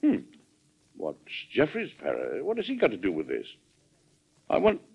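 A man's voice: medium pitch, huge pitch swings, moderate pace, gravelly, husky, heavily acted. A man playing a hearty, authoritative American president in an old radio drama, jovial and commanding. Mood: puzzled. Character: genial, hearty, authoritative male American president, fond of food. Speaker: actor. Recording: dull old radio recording.

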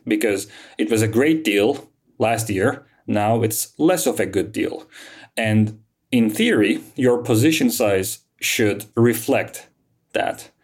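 A man in his thirties from Turkey, a fund manager answering interview questions in a measured, explanatory way with frequent fillers. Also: lowish voice, expressive, a little mellow, slightly rough.

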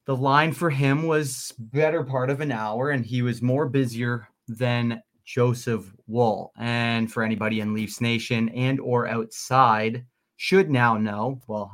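Young male podcast cohost, animated rambling storyteller, lots of ums. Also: medium pitch. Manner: excited, rambling with fillers. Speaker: podcast co-host. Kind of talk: casual storytelling.

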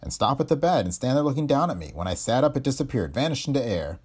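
A man's voice: mid-range voice, big pitch swings, fast talker, a little mellow, slightly rough. A man voicing a shaken husband who insists he has seen something. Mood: insistent. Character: frightened, stubborn husband.

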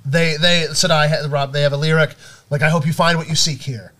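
A man with a fairly high voice chats casually on a podcast. He rambles through his stories with plenty of fillers, and he jumps up in pitch when he gets excited. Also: brisk. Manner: rambling, animated storytelling with many fillers. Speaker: podcast co-host. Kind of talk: casual chat.

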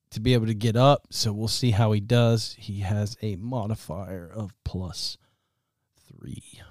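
A man's voice: lowish voice, a little mellow, no echo, clean studio sound. A man running a tabletop game as game master, calling turns and rulings in an easygoing way. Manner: easygoing, laughing, calls turns and rules.

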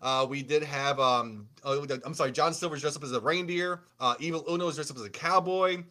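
Male podcast co-host, excitable wrestling fan, forceful sharp tone, slightly high pitch, emphatic casual recapping. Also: a little fast. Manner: excitable, emphatic, repeats words. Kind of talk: animated casual recap with heavy swearing.

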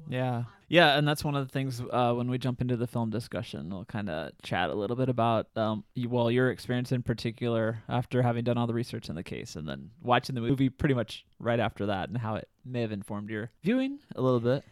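A man's voice: medium pitch, animated, fast, hardly any pauses, smooth, no room sound, clean studio sound. A man co-hosting a podcast, moving between casual chat and scripted storytelling. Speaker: podcast co-host.

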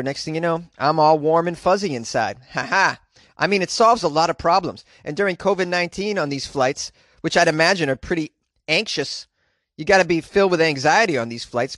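A man's voice: fairly high pitch, a bit bright, dry recording, studio quality. A male comedian hosting a podcast from inside a closet, riffing on odd news in a wry, rambling, over-caffeinated way. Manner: wry, rambling, self-described overly caffeinated. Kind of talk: jokey solo news commentary.

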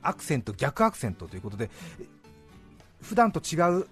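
A man's voice: medium pitch, fairly quick, faint music behind. A male radio host in casual studio chat, reading out listener letters and acting out the quoted lines. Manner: lively, reads letters with playful voiced quotes. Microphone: studio microphone.

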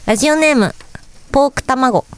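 A young woman hosting a casual radio talk show, reading listener mail in a lively, giggly way. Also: sits high, moderate pace, a little hiss or hum. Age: young adult. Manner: lively, giggly, reads letters aloud.

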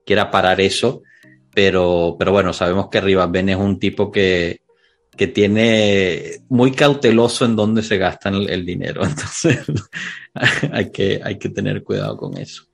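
A man's voice: low voice, steady tone, measured pace, gravelly. A man with a Latin American accent hosting a casual sports podcast discussion. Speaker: podcast host.

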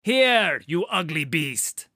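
A man voicing a stern, commanding female warrior in an audiobook, barking curt, forceful orders. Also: medium pitch, sing-song, takes it slowly, no room sound, studio quality. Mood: defiant.

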